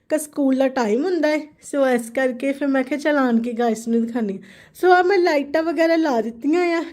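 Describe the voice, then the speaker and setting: High-pitched chatty Punjabi woman vlogger. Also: darkish tone. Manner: chatty, addresses viewers directly with English phrases mixed in. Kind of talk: casual chat to viewers about daily routine.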